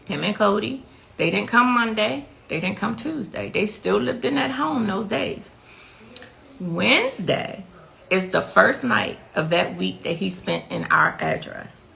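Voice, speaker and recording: A woman's voice: mid-range voice, lively intonation, a little slow, creaky, sharp tone. A middle-aged woman speaking as the mother of the victim, giving intense interview testimony and repeating key phrases for emphasis.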